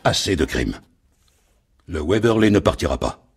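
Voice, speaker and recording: A man voicing a grim, brooding sea captain who speaks low and grumbling. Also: animated, moderate pace, breathy edge, faint music behind, full character voice.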